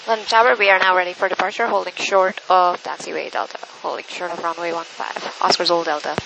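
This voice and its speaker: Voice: medium pitch, flat delivery, fast talker, creaky, noisy background. A student pilot speaking into a cockpit headset, reading back tower instructions in clipped aviation phraseology from a small plane. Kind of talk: radio calls to the tower.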